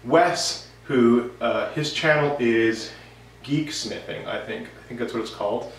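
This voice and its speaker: A man in his thirties hosts a woodworking vlog, giving a casual, rambling update to the camera from his indoor home workshop. His mid-range voice is unhurried, and the recording sounds roomy, distant and noisy.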